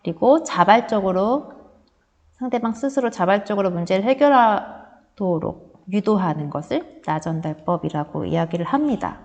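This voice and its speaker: A woman's voice: mid-range voice, animated, moderate pace, a little mellow, long reverb tail. A woman teacher giving a recorded online class, explaining step by step and acting out example lines.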